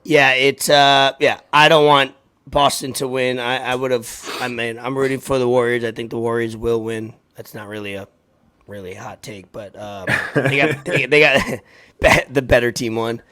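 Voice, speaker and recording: A man in his thirties with a raspy, hoarse voice, hosting a sports podcast in a halting, informal chat. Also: medium pitch, steady tone, sharp tone. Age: 30s. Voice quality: raspy, worn voice. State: hoarse from partying.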